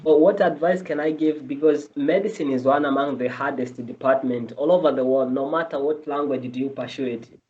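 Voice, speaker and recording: A medical student guest with a medium-pitched, darkish voice answers interview questions briskly in English, which isn't his first language. He's earnest, repeating and restarting phrases as he explains, in dull lo-fi audio with slight background noise.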